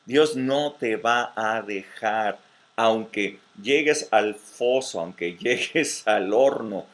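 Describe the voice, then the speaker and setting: A man's voice: lowish voice, slow, fairly bright tone. A man pastor leading a virtual Bible study sermon, with many hesitations and repeated words, who checks in with his listeners. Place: virtual meeting.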